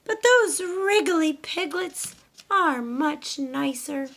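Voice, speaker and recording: A woman's voice: sits high, lively intonation, slow pace, fairly bright tone, voice pushed up, exaggerated voice. A woman voicing an eager, easily saddened mother hen in a children's storybook. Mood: wistful, glum.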